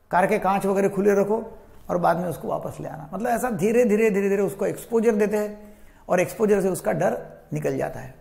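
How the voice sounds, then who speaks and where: A man's voice: high-pitched, gravelly, a little mellow. A man in his fifties from India, a psychiatrist giving a plain, instructive talk that repeats phrases for emphasis. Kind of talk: explanatory health talk to camera.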